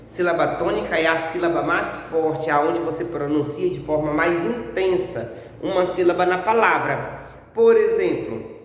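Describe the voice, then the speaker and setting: A high-voiced Brazilian male teacher leads a grammar review, drawing out each syllable of his example words slowly. He sounds set back from the mic, in a very echoey room with a long reverb tail. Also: recorded from a distance, slight background noise. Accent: Brazilian Portuguese. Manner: slow, drawn-out syllables for examples; asks and answers a pupil's question himself. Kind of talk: recorded grammar review lesson.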